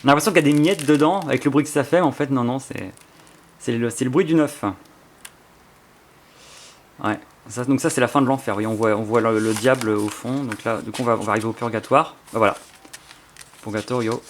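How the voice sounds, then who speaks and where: A man's voice: medium pitch, a little fast, long pauses, a little hiss or hum. A man with a French accent chatting casually and enthusiastically as he unboxes and leafs through a book, rambling with many fillers and restarts. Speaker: YouTuber presenting his book collection. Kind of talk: casual spontaneous unboxing chat.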